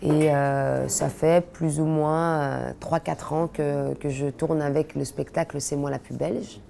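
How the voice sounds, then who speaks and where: A woman in her thirties, born in Belgium, answering interview questions in a relaxed, chatty way with many fillers and restarts. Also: low voice, a little slow, vocal fry, a little hiss or hum. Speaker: interviewee, comedian.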